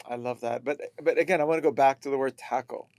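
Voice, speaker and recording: A middle-aged man from Lebanon talks in a relaxed podcast chat, his voice at an everyday middle pitch. He speaks reflectively and pauses often to find the next word. The sound is close and dry, with no room echo. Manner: reflective, halting, searches for words. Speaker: podcast co-host, coach. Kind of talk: casual conversational podcast.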